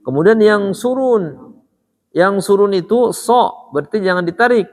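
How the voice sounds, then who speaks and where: Man, Quran recitation teacher, Indonesian accent, slow patient delivery, models sounds repeatedly, long hall reverb, faint music. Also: high-pitched, lively intonation, darkish tone. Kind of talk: tajwid lesson with recitation.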